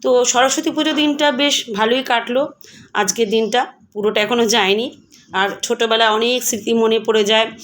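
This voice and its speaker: A woman's voice: fairly high pitch, fairly even intonation, moderate pace, a bit bright. A woman in her forties giving a chatty, homely voice-over of her cooking, addressing viewers as friends. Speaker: vlogger.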